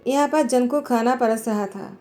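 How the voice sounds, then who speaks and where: A woman narrating a fan-fiction story recap in a steady, plain storytelling manner. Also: fairly high pitch, moderate pace, faint music behind.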